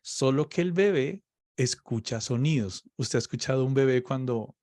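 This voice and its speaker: A man's voice: mid-range voice, a little mellow, dry recording, clean studio sound. A man teaching on faith in a conversation, explaining patiently and often checking "ok?" with his listener. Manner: slow, explaining, checks understanding with "¿ok?". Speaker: preacher.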